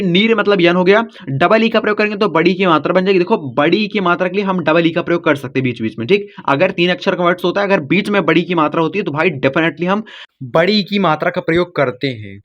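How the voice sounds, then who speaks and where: A man teaching children to spell names in English, going slowly letter by letter and checking after each step that they follow. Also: sits high, a bit bright. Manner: patient, repeats "ठीक?" after each step. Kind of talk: blackboard lesson for children. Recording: dull lo-fi audio.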